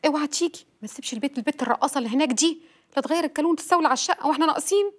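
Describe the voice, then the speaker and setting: A woman's voice: high voice, very fast, close to an everyday voice. An actress playing a worried mother giving urgent orders, speaking with an Egyptian Arabic accent. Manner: urgent, bossy.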